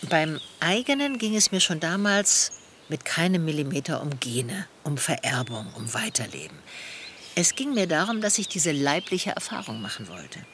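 With a deep voice, a middle-aged woman leads a radio play, looking back over her life with thoughtful, earnest longing in first-person dialogue. She speaks in a measured, articulate way with a very lively melodic line, and birdsong and outdoor sounds come through clearly.

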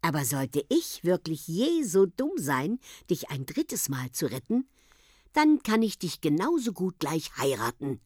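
A woman voicing a sharp-witted young girl in a storybook reading, wry and dry. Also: sits low, sing-song, measured pace, no room sound, exaggerated voice.

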